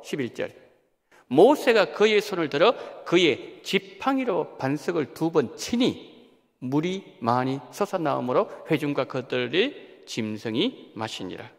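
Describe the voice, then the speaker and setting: A male pastor preaches in a church sanctuary, his voice swinging widely from low to high as he acts out the people in his text. His tone is gravelly and fairly high, and a long reverb trails each phrase. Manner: animated preaching, acting out quoted voices and asking the congregation questions. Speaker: senior pastor. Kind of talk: sermon.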